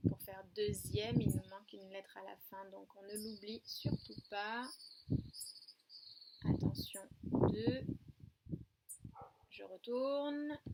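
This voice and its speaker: A woman teacher speaks at an unhurried, deliberate pace with a slightly gravelly edge to her voice. She gives patient instructions to young children in a home video lesson, counting aloud and repeating each word. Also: medium pitch, very noisy. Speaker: kindergarten teacher.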